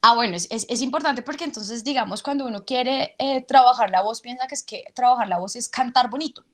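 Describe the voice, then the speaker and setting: Animated woman explaining voice work. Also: a little high, a little fast. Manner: animated, explains with vocal demonstrations. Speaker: actress and drama teacher. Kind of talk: interview answers.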